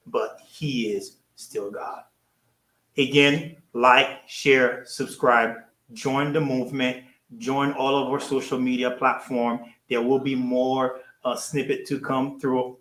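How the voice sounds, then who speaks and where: A man's voice: medium pitch, fairly bright tone. A man from Haiti, leading a ministry and addressing a livestream in a casual, earnest way, thanking people again and again. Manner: earnest, repeats his thanks over and over. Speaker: ministry leader hosting a livestream. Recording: roomy echo.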